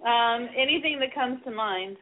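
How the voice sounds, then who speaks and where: Woman on speakerphone, tinny phone line, high lively voice, giggly and teasing, slow talk. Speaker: show co-host. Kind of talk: casual banter.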